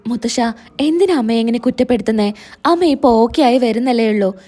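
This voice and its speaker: A woman voicing a gentle, devoted young daughter-in-law who speaks reassuringly. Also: fairly high pitch, lively intonation, brisk. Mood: caring.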